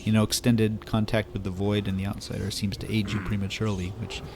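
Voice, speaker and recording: A man's voice: fairly low pitch, little pitch movement, quick pace, a little mellow, a little hiss or hum. A man hosting a let's play, giving casual, rambling lore commentary full of fillers. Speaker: gamer host.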